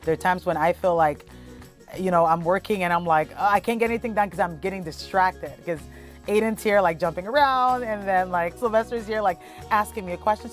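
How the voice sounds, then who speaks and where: Relaxed, chatty woman from Cameroon. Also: lowish voice. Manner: relaxed, chatty, with many fillers. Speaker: travel blogger and content creator. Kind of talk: documentary interview.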